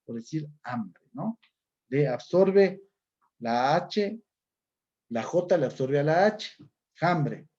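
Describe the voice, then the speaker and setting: An Ecuadorian man with a slightly high, animated voice teaches a recorded class, going slowly with long pauses. His tone is dark and the highs are cut off. He explains step by step, often checks in with listeners, and frequently adds "¿no es cierto?".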